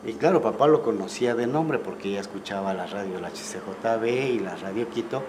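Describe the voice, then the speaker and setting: A man, a guest musician recalling the past in a relaxed, storytelling way and often ending with tag questions. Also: fairly low pitch, brisk. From Ecuador. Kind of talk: casual interview conversation. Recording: clear background noise.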